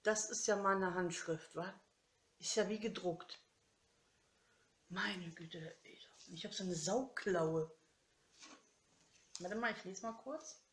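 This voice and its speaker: Woman, craft vlogger, chatty, gushing, laughs a lot, slightly low voice. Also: slow pace, pauses often. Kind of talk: casual chat unboxing a craft swap.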